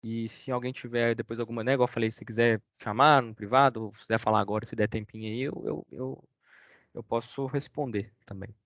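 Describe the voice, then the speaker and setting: A man's voice: medium pitch, steady tone, fairly quick, fairly bright tone, dry recording. A man with a Brazilian accent giving a casual online talk, hesitant and rambling with many fillers and restarts. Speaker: guest speaker. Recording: dull, dry lo-fi call audio.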